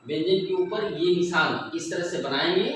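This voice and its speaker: Guy teaching kids, slow and careful, repeats sounds, far off mic in a really echoey room. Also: sits high, fairly bright tone, slight background noise. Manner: slow, deliberate, repeats each sound to pupils. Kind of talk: classroom lesson for children.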